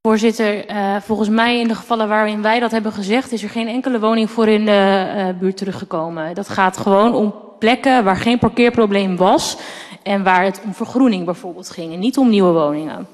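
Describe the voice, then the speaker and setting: A woman council member giving an earnest debate speech, often pausing with hesitations. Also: medium pitch, a little mellow. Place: council chamber. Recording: long reverb in a council chamber.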